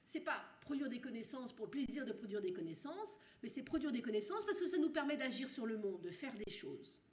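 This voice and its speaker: A woman giving a university lecture. She talks in halting bursts with many restarts and puts rhetorical questions to her audience. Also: fairly high pitch, big pitch swings, a little mellow. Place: lecture hall. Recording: roomy hall sound.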